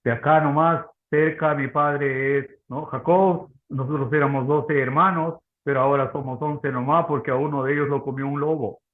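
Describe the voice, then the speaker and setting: A man's voice: a little high, fairly even intonation, moderate pace, hardly any pauses, reverberant, natural voice. A man voicing Joseph's shepherd brothers in a plain storytelling tone. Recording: tinny phone-like audio.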